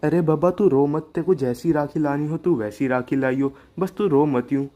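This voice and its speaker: A man's voice: a little high, normal speed, dark tone, lo-fi sound, close to an everyday voice. A man voicing a chatty young village woman in a cartoon, chirpy and fussing over her friend.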